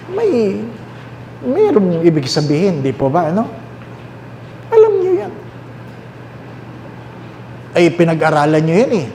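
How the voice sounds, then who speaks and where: Filipino priest guy preaching, slightly high voice, roomy echo, faint hum behind. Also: mellow. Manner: mixes English and Tagalog, asks the listeners questions; repeats key phrases slowly. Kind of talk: sermon.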